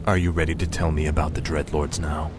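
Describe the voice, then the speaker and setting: An actor playing a cruel fallen prince, menacing and imperious, as a villain in a video game. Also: male voice, very deep voice, little pitch movement, fairly quick, background noise. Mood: questioning, wary. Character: cruel fallen prince, cold undead champion of darkness.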